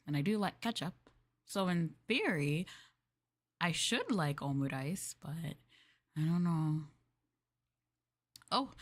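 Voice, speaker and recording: Speaking in a lowish voice, a female VTuber streams a casual maid roleplay, chatting and rambling to her master with soft laughter.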